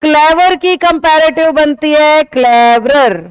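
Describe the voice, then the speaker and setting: A woman teaching an English grammar lesson in a classroom, explaining patiently, checking understanding with rhetorical questions and stretching out example words slowly. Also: sits high, no room sound. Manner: drawn-out slow emphasis on example words. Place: classroom with a board.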